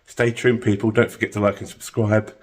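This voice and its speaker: A man's voice: fairly low pitch, flat delivery, fairly quick, dry recording. A man vlogging while working on his car in a home garage workshop, exasperated and swearing when things go wrong, a bit out of breath. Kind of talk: casual workshop vlog.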